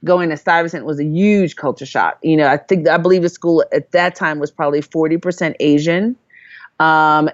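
A Jamaican woman, an interview guest, tells stories in an earnest, thoughtful conversational way, with many fillers and restarts. Her voice sits low, and the dry recording has its highs cut off.

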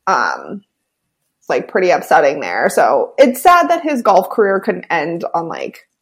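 A woman's voice: fairly low pitch, huge pitch swings, a little slow, vocal fry. A woman co-hosting a casual chat podcast, giggly and agreeable. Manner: giggly, agreeable, many "yeah"s. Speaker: podcast co-host.

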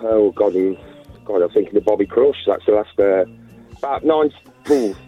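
A man's voice: lowish voice, normal speed, faint music behind. A man taking part in a game as a contestant, thinking aloud hesitantly as he guesses. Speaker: phone-in contestant. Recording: thin, narrow phone line.

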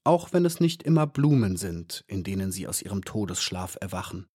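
A man reading an audiobook and voicing a wise male flower elf who speaks calmly and earnestly. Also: low voice, moderate pace, husky, heavily acted. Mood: serene. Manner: calm and earnest.

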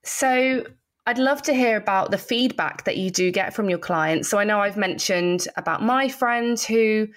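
A woman's voice: medium pitch, moderate pace. A woman hosting a casual interview, eager and encouraging as she asks her guest questions. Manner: enthusiastic and encouraging. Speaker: interviewer, host.

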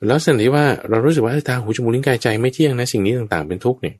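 A man's voice: mid-range voice, expressive, very fast, a little mellow, slightly rough, no room sound, studio quality. A man teaching Buddhist Dharma in a conversational way, explaining patiently and checking that his listener understands.

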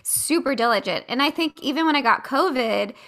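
A woman hosts a podcast with a bright, forward voice that often drops into vocal fry. She chats candidly and informally, as if among friends. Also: sits high, expressive, brisk. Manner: informal, candid, mild swearing. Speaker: podcast host. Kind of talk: casual podcast chat.

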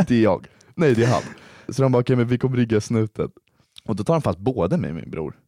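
A young man in casual chat, his pitch swinging widely as he tells a story. He laughs often and swears freely. The sound is dry and close. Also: lively intonation, mellow, no room sound.

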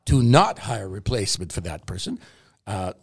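A man's voice: fairly low pitch, normal speed, creaky. A man, a journalist and broadcaster, talking as a guest in a conversational interview, wry and joking as he tells stories. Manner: animated storyteller, wry and joking.

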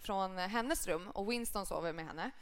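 A woman in her thirties co-hosting a live podcast, chatty and expressive as she tells stories. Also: mid-range voice. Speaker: podcast co-host.

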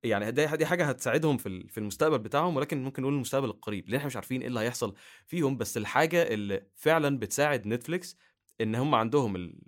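A man from Egypt with an Egyptian Arabic accent, a guest on a podcast, talking in a halting way with many restarts. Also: mid-range voice. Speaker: guest, YouTuber. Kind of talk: casual podcast chat.

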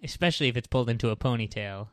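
A man co-hosting a comedy podcast, talking in an earnest, wide-eyed, easily alarmed way. His voice is smooth and resonant. The sound is close and dry, with no room around it. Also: medium pitch, racing, dry recording. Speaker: podcast co-host. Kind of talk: casual comedic chat.

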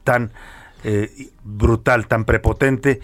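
A man's voice: medium pitch, fairly even intonation, slow pace. A man with a Mexican accent hosting a radio talk show and trading jovial banter with his co-hosts. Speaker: radio host.

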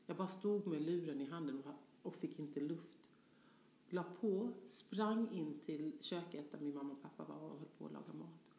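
A woman from Småland, a guest in a personal conversation, telling her story passionately; she moves from soft tones to forceful ones. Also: deep voice, gravelly. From Sweden, Småland. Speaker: interview guest. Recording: dull, echoey room sound.

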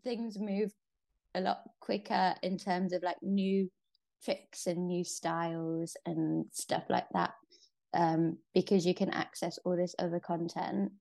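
A woman who is a pole athlete speaks as an interview guest in casual conversation, her voice fairly low, warm, and creaky. Her delivery is flat and a little slow, and she rambles a bit, thinking aloud with plenty of fillers.

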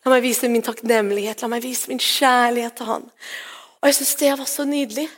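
A woman's voice: a little high, fairly even intonation. A woman pastor giving a sermon in a church service, retelling scripture in a personal, conversational way. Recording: long hall reverb.

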